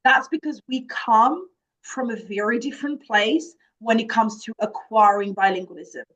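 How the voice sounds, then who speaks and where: A woman from France's Jura region, with a fairly high, slightly bright voice and a French accent, addresses parents at normal speed. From her office, she earnestly describes a language summer camp for children. The recording is rough.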